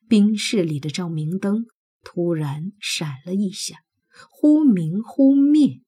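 A woman reading a novel aloud as its first-person narrator, in a steady storytelling manner. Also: lowish voice, breathy edge. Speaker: audiobook narrator.

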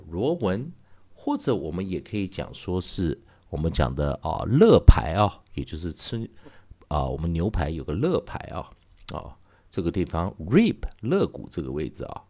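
A man's voice: sits low, big pitch swings, a little slow, mellow. A man who teaches English phonics in a recorded lesson. He is patient and repeats each sound many times over.

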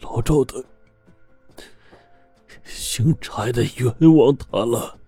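A man's voice: medium pitch, drawn-out words, dark tone, husky, dry recording, soft background music, voice pushed up, full character voice. A man voicing a badly wounded male miner boss who speaks in weak, faltering breaths. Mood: faint.

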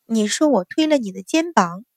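A woman voicing a calm young eldest daughter, cool and faintly mocking. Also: a little high, moderate pace, no echo, studio quality.

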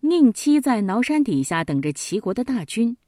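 A woman narrating a children's story in a scripted storytelling style, with a lively delivery that acts out the characters' lines. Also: fairly high pitch, normal speed, dry recording, studio quality. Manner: lively, voices characters in dialogue.

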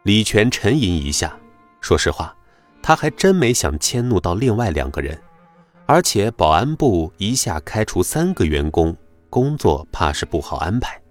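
A man narrating a web novel audiobook in an expressive storytelling manner. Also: low voice, moderate pace, faint music behind.

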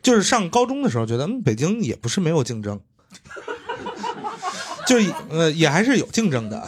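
A man's voice: a little high, very animated, brisk, breathy edge. A man co-hosting a podcast who speaks hesitantly with many fillers in casual chat. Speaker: podcast co-host.

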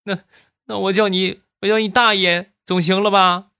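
A man's voice: on the low side, lively intonation, takes it slowly, clear, resonant tone, no room sound, studio quality, soft background music. A man voicing a timid little boy who stammers and trembles as he cries. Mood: frightened.

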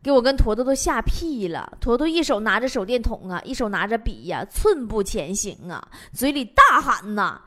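This young comedy host, with a Northeast China accent, delivers scripted humorous stories and chuckles at her own punchlines. Her slightly high, pushed, bright voice swings widely in pitch at a moderate pace, with hardly any pauses.

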